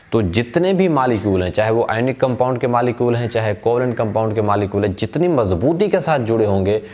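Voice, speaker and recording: Male chemistry teacher, mid-pitched, lecturing in a question-and-answer rhythm. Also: a little mellow. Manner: asks rhetorical questions and answers them himself; addresses the listener as brother. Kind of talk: classroom lecture.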